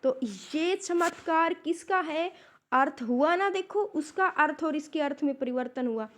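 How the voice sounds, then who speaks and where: A woman teacher lecturing her students, asking rhetorical questions and explaining each point slowly and deliberately. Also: high-pitched, a bit bright. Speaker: Hindi literature lecturer. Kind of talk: classroom lecture.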